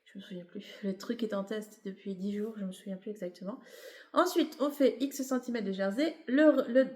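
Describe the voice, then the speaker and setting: In an echoey room, a mid-range, dark-toned female voice speaks at a normal pace. This knitting vlogger has a cold and seems a little worn out as she casually shows off her work, wandering off track, correcting herself, and filling gaps with "um"s.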